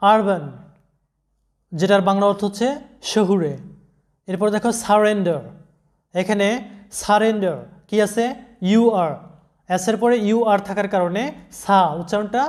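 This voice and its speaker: A man's voice: high voice, darkish tone. A man teaching English pronunciation in an online lesson, patiently spelling out words letter by letter.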